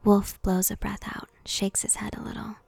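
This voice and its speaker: Breathy whispering woman narrator, whispered role-play. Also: medium pitch, flat delivery, normal speed, no echo, soft background music. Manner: soft, intimate second-person whisper.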